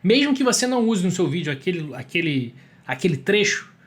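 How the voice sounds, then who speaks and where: A man's voice: high voice, very animated, brisk. A young man with a Brazilian Portuguese accent giving blunt, emphatic coaching advice straight to camera, swearing freely. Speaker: marketing coach. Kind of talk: casual talk to camera.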